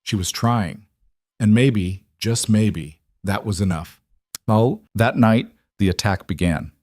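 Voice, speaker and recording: Deep-voiced man narrating a dramatic story. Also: slow pace, a little mellow, no echo, studio quality. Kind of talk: scripted narration.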